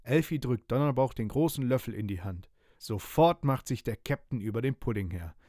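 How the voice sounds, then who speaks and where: A man's voice: medium pitch, animated, normal speed, warm tone, dry recording, clean studio sound. A man reading a bedtime story aloud in a playful, cozy way.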